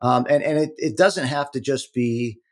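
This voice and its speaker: A man speaking as a guest in an interview, explaining in an earnest, halting way with many repeated words. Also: medium pitch. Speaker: protective intelligence executive, guest. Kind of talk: conversational interview talk.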